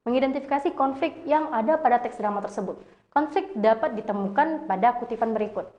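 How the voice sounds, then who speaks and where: A woman with a slightly high voice reads a lesson aloud, stumbling over words and correcting herself as she goes. The recording is dull and lo-fi. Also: a little fast. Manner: reads with slips and self-corrections.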